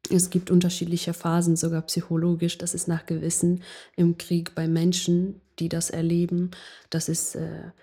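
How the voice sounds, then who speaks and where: A woman from Ukraine with a Ukrainian accent, a jazz singer answering interview questions haltingly, often searching for words. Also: lowish voice, completely flat delivery, dark tone, slightly rough.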